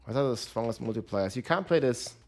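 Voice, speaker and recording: A man's voice: mid-range voice, lively intonation, fairly quick, a little mellow, faint music behind. A man streaming a game, speaking into a livestream headset mic, thinking aloud and talking straight to his chat in a casual way. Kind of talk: casual livestream chat while planning builds.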